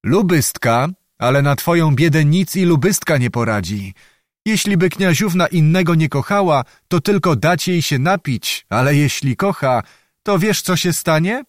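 A rough, scornful old witch from a storybook, put on by a male narrator, scheming in a harsh, raised voice. Her words come hard and mocking, set against a dry, close sound. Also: a little high, animated, moderate pace, no room sound, voice pushed up, natural voice. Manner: harsh, mocking, laughs like a neighing mare. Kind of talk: audiobook character voice.

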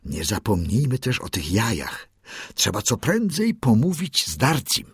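A man voicing a brave male mongoose who talks in a brisk, commanding way. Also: fairly low pitch, huge pitch swings, slightly rough, no room sound, clean studio sound, heavily acted. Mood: urgent. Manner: urgent, commanding.

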